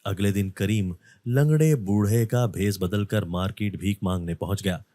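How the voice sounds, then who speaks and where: Guy reading a story out steady, lowish voice, dry close sound. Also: moderate pace, no echo. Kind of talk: scripted story narration.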